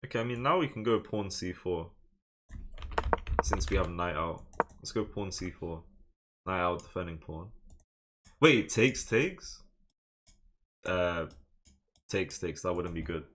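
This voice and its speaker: An English man live-streams a game of online chess casually, half musing over moves to himself and half chatting with viewers. His voice sits low, with lively intonation and a measured pace broken by frequent pauses, over a noisy background.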